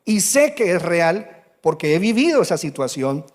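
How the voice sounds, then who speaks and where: High-voiced pastor preaching. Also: male voice, sing-song, moderate pace, big-room sound. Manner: storytelling, emphatic. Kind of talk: sermon.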